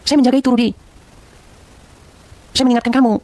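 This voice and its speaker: A man delivers a rapid-fire rebuke straight to camera, repeating the name of the person he is scolding. His voice sits high and his pitch keeps climbing as he presses each point. The sound is dry and close, with no room echo. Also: little pitch movement, darkish tone.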